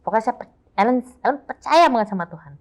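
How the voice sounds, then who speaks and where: A woman shares a heartfelt, casual personal testimony as a guest, speaking fast in a fairly high voice. She's emotional, repeats herself, and quotes others in lively voices.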